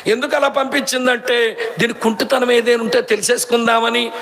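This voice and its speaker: Male preacher, Srikakulam Telugu accent, very high voice, lively storyteller who mocks and scolds. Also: a little fast, creaky. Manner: animated storytelling, acting out quoted women; scolding, mocking, emphatic. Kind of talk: sermon.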